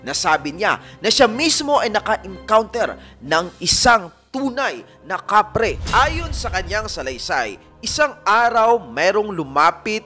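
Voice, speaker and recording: Man telling a spooky story, high bright voice, talks right to his audience, faint music underneath. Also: very animated, measured pace. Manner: addresses listeners as a fan group, dramatic retelling. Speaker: narrator of a paranormal story channel. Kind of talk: storytelling narration.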